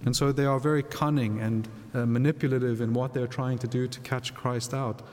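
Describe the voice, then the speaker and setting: Priest preaching in a long, echoing church reverb. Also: male voice, medium pitch, steady tone, a little fast, darkish tone. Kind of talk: Gospel reading and homily. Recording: long cathedral-like echo.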